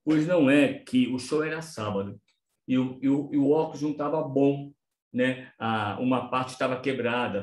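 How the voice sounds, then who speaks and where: A Brazilian man telling a personal story in an online meeting, acting out the dialogue with big swings in his voice. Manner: animated, acts out dialogue with big pitch jumps. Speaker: meeting participant, entrepreneur. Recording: echoey room.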